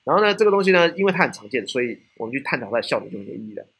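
Man, Taiwanese Mandarin accent, classroom lecturer, raspy, fry-tinged voice, rhetorical questions. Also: mid-range voice, big pitch swings, racing, a bit bright. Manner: keeps asking rhetorical questions, tagging lines with "right?".

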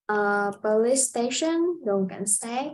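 A woman from Vietnam teaching a casual language lesson, explaining step by step in an unhurried way with frequent filler sounds. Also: on the high side, animated, rough recording. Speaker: English teacher.

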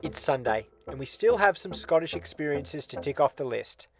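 A man's voice: a little high, lively intonation, normal speed, gravelly. A man giving upbeat, scripted voice-over narration for a road-trip travel vlog. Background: music.

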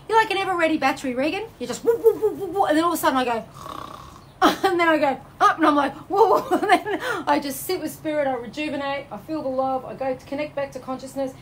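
A woman hosting a live stream as a psychic medium, reading out viewer comments with bubbly, effusive energy that swings between high exclamations and low soothing tones. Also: fairly bright tone, a little hiss or hum. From Australia.

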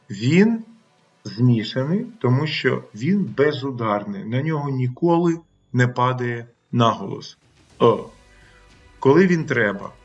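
A man's voice: mid-range voice, husky, highs cut off. A middle-aged man teaching English pronunciation, demonstrating and repeating vowel sounds aloud. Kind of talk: pronunciation lesson.

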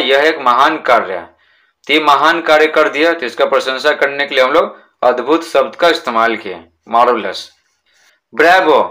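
A man with a bright, forceful voice explains a lesson in Hindi. He reads words slowly, asks the class questions and answers them himself. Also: medium pitch. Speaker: teacher.

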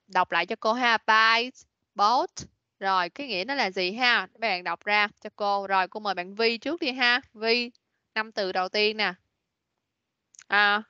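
A woman's voice: mid-range voice, bright, forceful tone, clear, resonant tone, dry recording, muffled recording. A woman teaching an English lesson in an online class, patiently prompting her students and mixing English words into her explanations. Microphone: computer mic on a video call.

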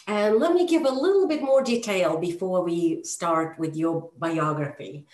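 A woman hosts an interview over a video call from home and introduces her guest chattily. Her voice is on the low side with a darkish tone, and she speaks a little slowly. The call audio sounds roomy.

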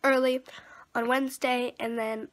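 In this noisy handheld home vlog, a young teenage girl of 13 rambles informally indoors, the camera at arm's length or propped close by. Her voice is a little high, with little pitch movement and an unhurried pace.

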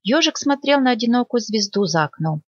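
A woman librarian reading a children's fairy tale aloud in an expressive storytelling manner. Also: brisk, dry recording. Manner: expressive storytelling, lively pitch. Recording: dull lo-fi dry recording.

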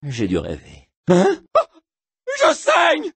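An actor voicing a paranoid, volatile burned male splicer in a video game, with a raspy voice that swings from ranting shouts to muttering. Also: sits high, big pitch swings, slow, dry recording, full character voice. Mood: shrieking panic. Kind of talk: game voice acting.

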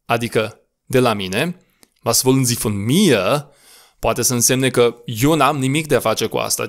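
A man teaching a recorded language lesson, patiently spelling out words and repeating them slowly. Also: medium pitch.

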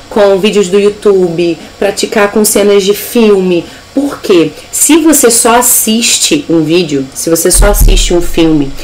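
A woman's voice: medium pitch, low-quality recording. A woman with a Brazilian Portuguese accent teaching a live online English lesson, upbeat and explaining step by step.

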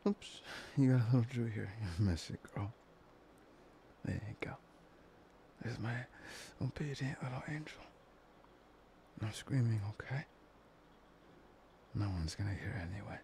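A man voicing a possessive, obsessive young man in a whispered audio roleplay, murmuring slowly and breathily. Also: mid-range voice, animated, mellow, slight background noise. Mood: menacing. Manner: murmuring, intimate, slow and breathy.

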